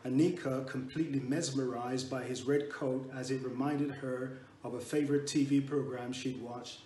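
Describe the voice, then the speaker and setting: A man reads a memorial tribute at an even, measured pace, catching himself and restarting a phrase now and then. He sits back from the mic, so the room echo comes through. A faint hiss of noise runs underneath. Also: medium pitch. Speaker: eulogy reader. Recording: roomy and distant with faint noise.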